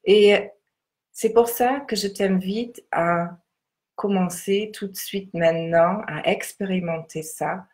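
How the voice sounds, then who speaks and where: A woman teaching in a guided meditation style, speaking in a measured, instructive way with deliberate pauses as she leads a contemplative reading. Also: medium pitch, a little mellow.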